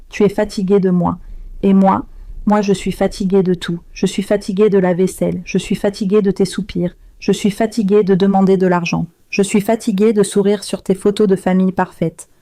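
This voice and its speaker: Grave, mellow-voiced woman narrator. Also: medium pitch, flat delivery, moderate pace, no room sound. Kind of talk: first-person scripted story narration.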